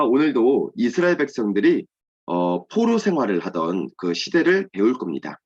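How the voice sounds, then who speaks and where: A man giving a children's sermon, explaining simply and asking and answering his own questions. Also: mid-range voice. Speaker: children's ministry pastor. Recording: dull lo-fi sound.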